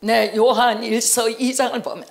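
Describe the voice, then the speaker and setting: A woman interpreting a sermon live, phrase by phrase, often opening with a quick acknowledgment. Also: on the high side, fairly even intonation. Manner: fluent, with frequent "ne" acknowledgments and restarts. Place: conference hall.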